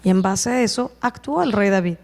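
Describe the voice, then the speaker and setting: A woman preaching a sermon, animated, putting rhetorical questions to the congregation. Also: medium pitch, a little fast. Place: church hall. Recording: long hall reverb.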